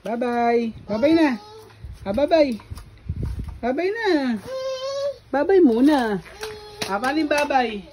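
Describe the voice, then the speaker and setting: A woman with a high voice talks slowly and gently to her toddler at home, coaxing him and asking the same simple questions again and again. The home video recording carries noticeable background noise. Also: expressive, rough recording. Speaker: mother talking to her toddler son.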